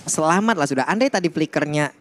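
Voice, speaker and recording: High-pitched, rapid-fire Indonesian male esports announcer. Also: lively intonation, a little hiss or hum. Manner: shouted, urgent hype calls in rapid bursts. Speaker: esports play-by-play caster. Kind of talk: excited fighting game announcer style esports commentary. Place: broadcast casting of a mobile game tournament. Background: music.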